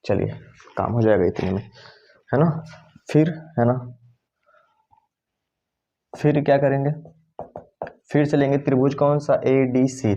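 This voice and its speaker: A male math teacher walks through a geometry proof step by step. He asks his own questions and answers them, with a "है ना" after nearly every line. His voice is dark and mellow, and the recording sounds dull and lo-fi. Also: mid-range voice. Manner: talks while writing, with constant "है ना" checks. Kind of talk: board-work math lesson.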